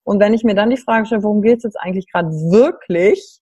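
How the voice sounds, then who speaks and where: Husky woman asking probing questions. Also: mid-range voice, fairly quick, warm tone, no room sound. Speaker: interview host. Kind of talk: conversational interview.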